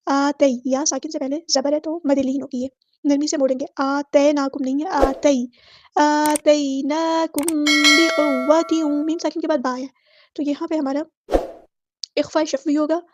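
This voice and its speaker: High-voiced woman teaching tajweed. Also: flat delivery, noisy background. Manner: explains each rule briskly, then recites words slowly with long drawn-out vowels; methodical, repeating set phrases for every letter. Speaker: Quran recitation teacher. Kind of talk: tajweed lesson, explaining rules and reciting slowly. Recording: dull lo-fi dry audio.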